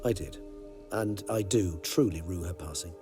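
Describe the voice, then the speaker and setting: A man's voice: deep voice, moderate pace, natural voice. An actor playing a refined, ancient male vampire who speaks in dry, ornate, lightly sarcastic phrases, in video game dialogue. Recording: game audio with music underneath.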